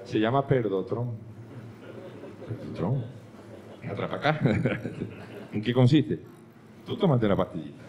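A man performing a stand-up comedy monologue, telling a story, dropping to hushed asides and rising to loud punchlines. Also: lowish voice, animated, slow pace, pauses often, dull audio, a crowd in the background. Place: comedy club stage with audience. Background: audience laughter.

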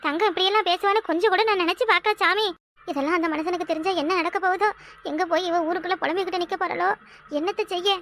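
A fretful, complaining cartoon village wife, voiced by a woman. Her voice is extremely high and fast, with a southern Tamil Kanyakumari accent. She laments and grumbles as she talks. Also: fairly bright tone, slight background noise. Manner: complaining, lamenting, exclaims to herself. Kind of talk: cartoon voice acting.

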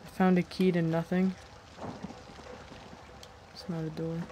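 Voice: medium pitch, level tone, measured pace, mellow. A gaming host giving casual, jumpy reaction commentary on a horror game, repeating phrases when startled. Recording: clear game noise behind voice.

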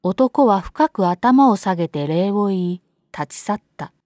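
A woman's voice: mid-range voice, animated, a little slow, a little mellow, no echo, clean studio sound. A woman reading a scary story aloud as scripted narration.

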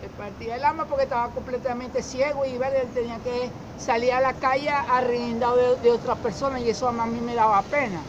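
A middle-aged man from Zulia with a Venezuelan accent, answering a street interview haltingly and often repeating words. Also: very high-pitched, fairly even intonation. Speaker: interviewee, former street newspaper seller. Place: outdoor fruit stall on a city street. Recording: muffled, with loud street noise.

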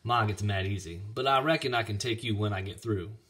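A man's voice: lowish voice, brisk, fairly bright tone, close to an everyday voice. A man doing a drawling country farmer. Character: plain-spoken slow rural farmer man.

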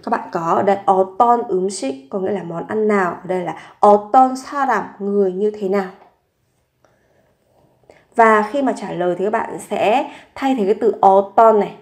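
Speaking quickly at medium pitch, a Korean teacher with a darkish tone works through vocabulary. She repeats words patiently and questions herself as she explains sample sentences, and the room echoes.

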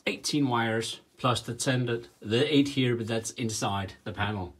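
A man's voice: medium pitch, husky. A man explaining how he wired his home-built cockpit panels, sketching on a whiteboard in his workshop and counting the wires aloud as he draws. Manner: talks while drawing diagrams, counting wires aloud with pauses. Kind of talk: casual hands-on tutorial.

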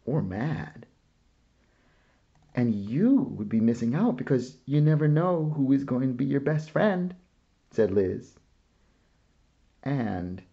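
In a lo-fi recording, a slow, gravel-voiced reader shares a storybook with children. He keeps his reading soft and gentle, lifting his voice higher whenever a child character speaks.

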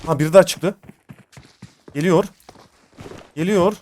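A man's voice: high-pitched, measured pace, darkish tone, a little hiss or hum. A young man giving live gameplay commentary as a gaming host, informal and slangy, talking to his viewers as friends.

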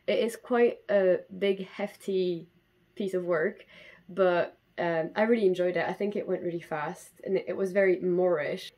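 Sitting indoors in her bedroom, a woman in her twenties from Belgium talks casually to a desk-distance camera as host of a knitting podcast. She has a mid-range, darkish voice and frequently restarts and fills her speech.

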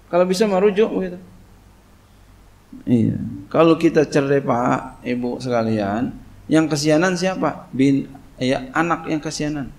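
A man's voice: a little high, expressive, darkish tone. Man teaching Quranic commentary. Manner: reads Arabic text slowly, then explains in casual Indonesian with frequent "ya". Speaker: Islamic cleric teaching tafsir. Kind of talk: kitab study sermon.

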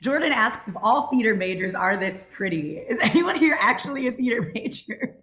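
Expressive and on the higher side, her somewhat bright voice moves at a moderate pace through reverberant home acoustics. The young woman is casually running a Q&A for a student audio drama club on a group video call, heard through a video call mic.

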